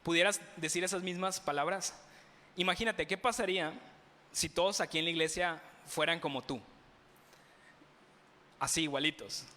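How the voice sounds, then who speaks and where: A man's voice: on the high side, moderate pace, long pauses. A man with a Mexican Spanish accent preaching a sermon in a church, asking the congregation rhetorical questions with playful humor. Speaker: pastor. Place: church sanctuary. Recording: bright voice with long hall reverb.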